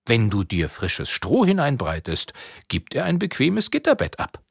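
Audiobook: male reader playing a sly old witch, husky, high and fussy, up and down in pitch. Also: huge pitch swings, normal speed, dry recording, studio quality, full character voice. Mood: friendly.

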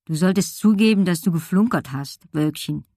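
A woman's voice: on the low side, moderate pace, dark tone, dry recording, clean studio sound. A woman voicing a smug, skeptical older brother in an audiobook, teasing and mocking.

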